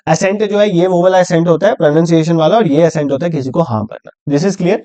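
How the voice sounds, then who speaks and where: Chatty male tutor, high voice. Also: a little fast, dark tone, no echo. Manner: chatty and motivational, mixing Hindi and English. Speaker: teacher. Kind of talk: exam revision lecture.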